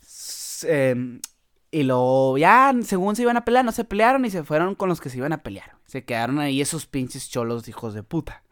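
A podcast host with a Mexican accent tells a story in a casual, comic style, full of crude slang and frequent laughter. His voice is on the high side, expressive and a bit bright, at normal speed.

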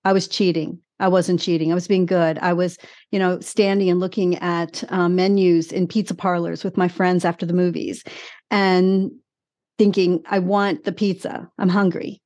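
A woman's voice: fairly low pitch, flat delivery, moderate pace, dark tone, dull audio. A woman in her sixties giving candid personal testimony as an interview guest, telling her story emphatically with short repeated phrases. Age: 60s.

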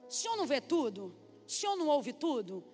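A woman preacher voicing an abandoned mother who indignantly complains to an angel, in a rapid, exasperated way. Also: high voice, very animated, a little mellow, in a large hall, faint music behind.

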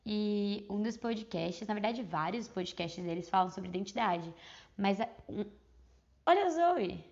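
A woman's voice: mid-range voice, unhurried, highs cut off. A young woman from Brazil hosting a personal podcast, telling her story in a rambling, heartfelt way and correcting herself as she goes. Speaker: podcast host.

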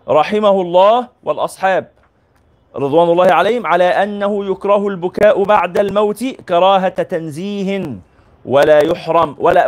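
A man teaching as a sheikh, reading a classical religious text aloud and explaining it in colloquial asides. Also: sits high. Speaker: sheikh teaching a hadith book.

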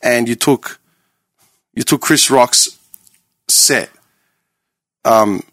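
Speaking very slowly in a mid-range voice, a late-30s man gets animated and emphatic in casual podcast chat, with plenty of profanity. The studio-quality recording has no room sound.

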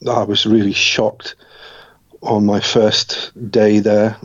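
Low flat-voiced man telling his story. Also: no echo, lo-fi sound. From Scotland. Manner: reflective, measured, with frequent restarts. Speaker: interview guest. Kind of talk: personal life story in an interview.

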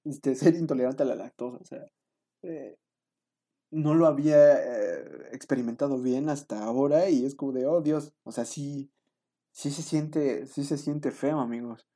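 Rambling young Mexican man, husky voice. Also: medium pitch, normal speed, dark tone. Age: young adult. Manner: rambling, self-mocking, many fillers and laughs. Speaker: vlogger. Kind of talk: casual storytelling to viewers.

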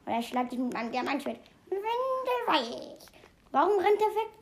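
Woman playing a video game, high voice, excitable running commentary, faint background hiss. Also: rapid-fire. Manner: excitable, keeps exclaiming "Junge"; rambling with restarts and fun facts. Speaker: let's play host. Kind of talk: casual gaming commentary.

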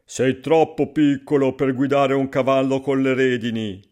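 A man's voice: mid-range voice, level tone, normal speed, darkish tone, lightly acted. A man voicing a poor, plainspoken farmer in a storybook reading. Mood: doubting.

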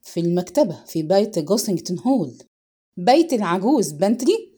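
A woman voicing a stern middle-aged male police chief who speaks in a gruff, clipped, controlled way, in a storybook reading. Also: medium pitch, sing-song, brisk, mellow.

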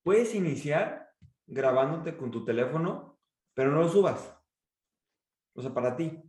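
Mexican male speaking coach, expressive and a little higher-pitched, giving advice with live demos; echoey room. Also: a little slow. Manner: expressive, demonstrates pitch and emphasis. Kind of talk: coaching in a podcast interview.

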